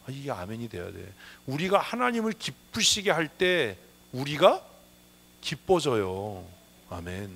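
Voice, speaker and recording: A male pastor preaches with emphatic force, firing rhetorical questions at his congregation. His voice sits at an ordinary middle pitch. A faint hum runs under the recording. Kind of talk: sermon. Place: church sanctuary.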